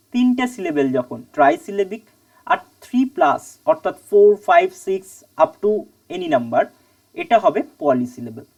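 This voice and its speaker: Lady teaching english online, pitch goes up and down a lot, asks herself questions, sounds a bit far from the mic. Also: a little mellow. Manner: repeats key words slowly, asks and answers her own questions. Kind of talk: online lesson explaining grammar.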